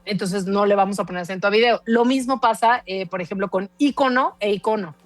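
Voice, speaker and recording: A woman in her forties with a Mexican accent, a guest speaking in an animated, emphatic way on a casual podcast. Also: mid-range voice, quick pace, no room sound, soft background music. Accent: Mexican Spanish. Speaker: guest language expert.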